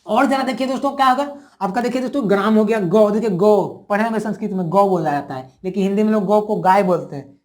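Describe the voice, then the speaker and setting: A woman explains a grammar lesson at a middle pitch. She repeats each example word several times and keeps turning to her viewers with questions. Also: quick pace, a little mellow. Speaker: teacher.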